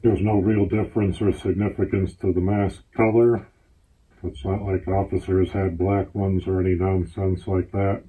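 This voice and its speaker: A man talking through a gas mask, explaining in a plain, matter-of-fact way, his voice husky. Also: deep voice, flat delivery, normal speed, dark tone. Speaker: gas mask collector reviewing gear. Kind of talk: casual product overview. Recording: tinny, phone-like lo-fi sound.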